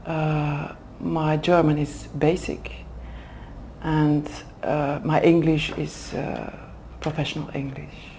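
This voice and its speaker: A woman whose first language is Dutch answers interview questions in a second language at a language school in Oxford. An executive development manager, she speaks carefully and hesitantly, pausing to find words, in a low, mellow, creaky voice, with slight background noise.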